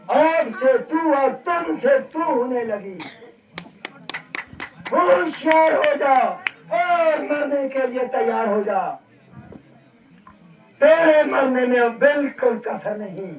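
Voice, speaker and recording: A furious, boastful warrior sage declaims threats in a very high-pitched voice on a folk theatre stage. The delivery is slow and bombastic, and the sound is echoey and muffled. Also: male voice, far from the mic. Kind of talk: declamatory Ramleela folk stage acting in rhymed dialogue. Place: stage of a Ramleela club, distant mic.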